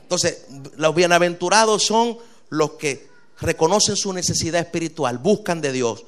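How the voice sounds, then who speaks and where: A male pastor, preaching a sermon with lively, rising delivery and quick asides. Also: a little high.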